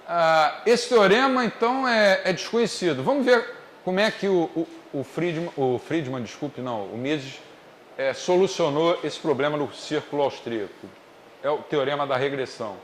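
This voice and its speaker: A man with a Brazilian Portuguese accent giving a classroom economics lecture, explaining step by step and slowing down on key points. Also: on the high side, lively intonation. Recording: echoey classroom, faint noise.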